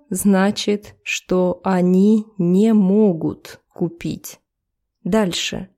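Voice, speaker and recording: A woman teaching a language lesson, explaining each phrase of a text step by step in a deliberate way. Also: medium pitch, warm tone.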